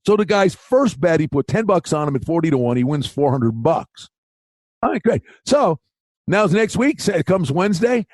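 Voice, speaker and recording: A man's voice: on the high side, big pitch swings, normal speed, a little mellow, no echo. A man co-hosting a golf betting show, telling a story in casual chat, stammering and restarting, acting out the people he quotes.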